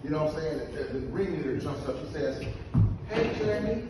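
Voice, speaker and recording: A man's voice: fairly high pitch, fairly even intonation, fast talker. Male open-mic stand-up, informal and profane crowd banter, captured from far off in a noisy room. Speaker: stand-up comedian. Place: indoor comedy club stage. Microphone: handheld stage mic, recorded from audience table. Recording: echoey club, distant phone, noisy room.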